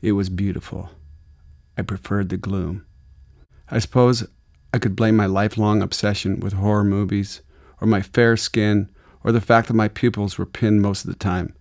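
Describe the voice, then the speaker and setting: A man from Arizona narrating a memoir audiobook in a wry, deadpan, gritty way. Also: fairly low pitch, normal speed, creaky.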